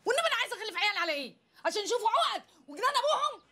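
An actress playing an exasperated, quick-tempered young wife in a comedy film, scolding in an Egyptian accent. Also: female voice, very animated, pushed and bright, full character voice. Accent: Egyptian Arabic. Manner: scolding, shrill, rapid-fire.

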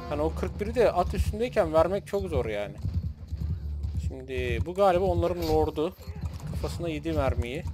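High-voiced guy gaming, yelling orders at his troops, rowdy, faint music behind. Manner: rowdy, bossing his troops, shouting and mocking enemies. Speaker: gameplay streamer. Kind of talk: playing a strategy game live, commenting.

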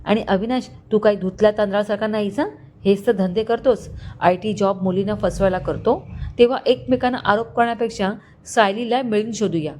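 A woman voicing a scheming middle-aged uncle who stays calm and calculating in a spoken story. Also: mid-range voice, brisk, slight background noise, natural voice. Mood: coolly scheming. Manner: calm, controlling.

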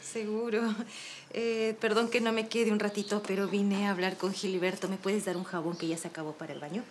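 A woman's voice: medium pitch, steady tone, a little fast, noisy background, close to an everyday voice. An actress playing a polite, friendly woman in her thirties with a Peruvian accent in a telenovela. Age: 30s. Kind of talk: telenovela acting.

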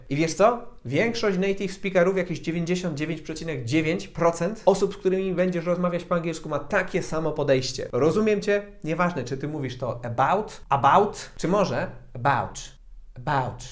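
A man with a voice pitched a little high for his sex gives a relaxed video lesson to camera. He jokes often and speaks directly to the viewer, like a teacher chatting with one student. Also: moderate pace, hardly any pauses. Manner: joking, addresses the viewer directly. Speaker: English-language teacher.

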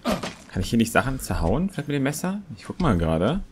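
A young man quietly commenting as he plays a horror game, hesitant and thinking aloud. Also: mid-range voice, big pitch swings, brisk, background noise. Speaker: let's player. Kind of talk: gameplay commentary.

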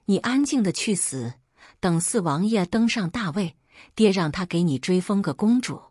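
A woman's voice: mid-range voice, expressive, normal speed, a little mellow, slightly rough, dry recording, clean studio sound. A woman voicing a scheming, ruthless old male chancellor who talks in a cold, mocking way. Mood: scornful.

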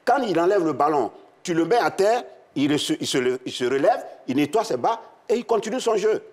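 A man's voice: fairly high pitch, lively intonation, moderate pace. Chatty man. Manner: talkative, laughs as he tells stories. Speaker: studio guest. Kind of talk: casual studio chat.

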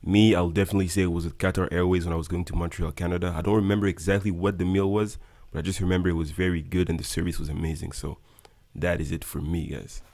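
Over loud background music, a young man who flies airliners and hosts videos narrates a scripted, upbeat explanation for his audience. He talks fast in a low, flat delivery.

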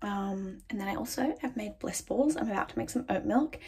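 A young woman chats casually into a handheld phone held close, moving between her home kitchen and city streets. Her mid-range voice is brisk and darkish, with a little hiss or hum underneath. She's confiding and chatty, often laughing at herself.

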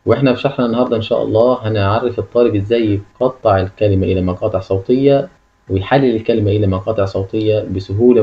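A man's voice: lowish voice, highs cut off. A man with an Egyptian Arabic accent teaches a lesson, repeating key phrases and asking the listener questions. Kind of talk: classroom-style lesson.

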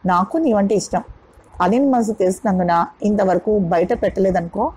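A woman voicing a husky, coaxing mother figure. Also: mid-range voice, moderate pace, darkish tone, lightly acted, poor audio. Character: warm middle-aged mother proposing marriage.

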